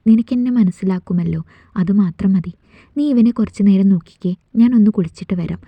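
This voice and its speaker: A woman's voice: medium pitch, brisk, slightly rough, dry recording. A woman voicing a tender, shy young village woman who brushes off teasing in a storybook reading, on a dull, dry recording. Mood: earnest.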